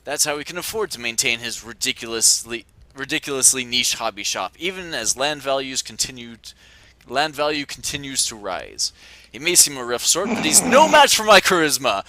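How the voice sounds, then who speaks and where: A man playing a grandiose, boastful mad scientist from a game, with slow theatrical villain menace. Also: medium pitch, big pitch swings, pushed and bright, no echo, voice pushed down. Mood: gloating, boastful. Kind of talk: hobby dub reading of a visual novel game.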